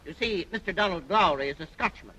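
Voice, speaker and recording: A sly businessman who doubts ghosts, with a wry, husky, bright-edged voice that rises and falls a lot. The sound is that of an old 1930s film. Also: sits high, animated, fairly quick, full character voice, rough recording. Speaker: skeptical businessman.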